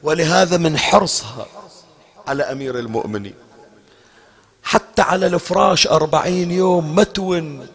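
A man's voice: on the high side, normal speed, pauses often, slightly rough. A man delivering an emotional mourning sermon as a preacher, slipping into chanted lament.

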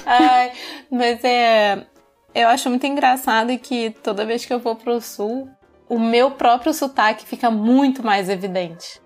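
A woman's voice: a little high, unhurried, soft background music. A woman with a Carioca accent from Rio, chatting enthusiastically as a podcast co-host. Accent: Carioca Brazilian Portuguese. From Rio de Janeiro, Brazil. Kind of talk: casual podcast chat.

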